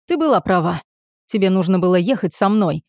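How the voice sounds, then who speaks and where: A woman's voice: medium pitch, expressive, fairly quick, darkish tone, no room sound, clean studio sound, close to an everyday voice. A woman voicing a young man, a blunt, growling protective older brother, in a storybook reading. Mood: stern.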